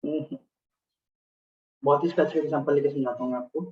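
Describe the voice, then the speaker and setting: A man with a slightly high voice lectures at a quick pace with fairly even intonation, repeating key terms and regularly making sure students understand. The classroom recording sounds distant, echoey and dull.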